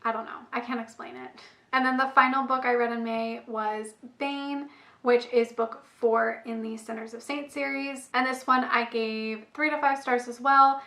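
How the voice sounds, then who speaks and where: A young woman chats casually through her book reviews, her voice fraying into slight hoarseness. Her voice sits a little high but stays fairly level in pitch, peppered with "like" and "I don't know." The room around her rings with echo. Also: fairly even intonation, moderate pace, sharp tone. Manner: chatty, frequent "like" and "I don't know" fillers. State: voice going hoarse. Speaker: book vlogger. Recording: echoey room.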